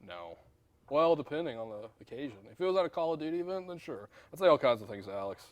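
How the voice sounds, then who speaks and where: Brief: young male co-host, playful and teasing, lively up-and-down delivery. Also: fairly high pitch, fast, dry recording. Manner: joking, teasing, animated. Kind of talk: casual chat.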